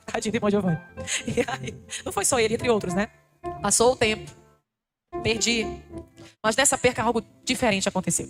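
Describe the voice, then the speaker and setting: Fast-talking fervent Brazilian woman preacher. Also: medium pitch. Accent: Brazilian Portuguese. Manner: fervent, addresses the congregation as brothers. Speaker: missionary preacher. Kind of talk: emotional testimony sermon. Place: church congregation.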